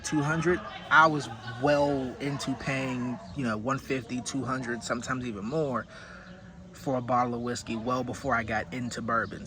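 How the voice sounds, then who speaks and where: A man's voice: mid-range voice, bright, forceful tone. Guy doing a casual review vlog, normal midrange voice, chatty n opinionated, pretty noisy background. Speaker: whiskey review host. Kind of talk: casual solo commentary.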